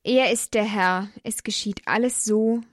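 A calm, fatherly old priest, read by a woman speaks in slow, measured phrases. The voice stays close to her own everyday tone. It sounds dry and near, like a bedtime storybook. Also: medium pitch, no room sound, lightly acted.

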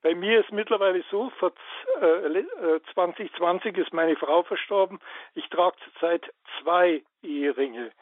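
A man's voice: high voice, moderate pace, no room sound. A man calling in to a radio show, earnest and hesitant, with many fillers. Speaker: caller. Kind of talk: phone-in call. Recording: tinny dry phone line.

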